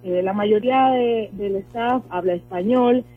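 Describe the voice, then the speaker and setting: Husky Dominican woman on a phone line. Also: medium pitch, unhurried. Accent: Dominican Spanish. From Dominican Republic. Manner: earnest, explains with examples, many fillers. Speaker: lawyer, guest. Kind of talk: radio interview over the phone. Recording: tinny phone line with faint music.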